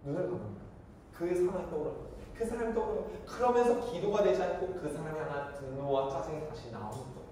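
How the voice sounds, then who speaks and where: A young man preaching to a church youth group, lively and questioning, acting out quoted voices. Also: fairly high pitch, fast, slight background noise. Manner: animated, acts out quoted voices, asks the congregation questions. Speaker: youth pastor. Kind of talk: sermon. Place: church hall. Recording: echoey church hall, mic from far off.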